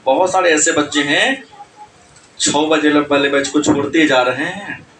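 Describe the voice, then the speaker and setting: A male teacher giving an animated classroom lecture, scolding students and laughing between points. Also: a little high, a little slow, roomy sound, recorded from a distance, slight background noise, poor audio. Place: coaching classroom.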